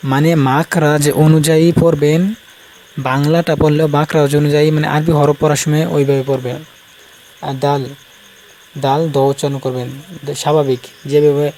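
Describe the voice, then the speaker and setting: Male teacher, slightly high voice, slow repetitive drilling, faint crickets and ambient noise behind. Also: a little mellow, poor audio. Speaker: Quran recitation teacher. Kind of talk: informal spoken lesson.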